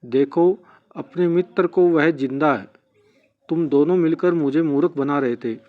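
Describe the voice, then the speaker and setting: A man's voice: fairly high pitch, a little slow, natural voice. A man doing a clever suspicious jackal. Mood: shrewd. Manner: shrewd, suspicious. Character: clever cautious male jackal. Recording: dull lo-fi recording.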